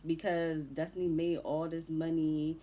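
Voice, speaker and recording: A woman's voice: low voice, little pitch movement, a little slow, warm tone. A young woman casually recapping a movie plot in loose, profane slang. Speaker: movie reviewer.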